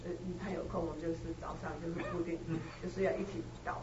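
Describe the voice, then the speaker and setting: A woman student sharing a personal story in class, halting and soft-spoken. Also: fairly low pitch, flat delivery. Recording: roomy, distant, lo-fi with noise.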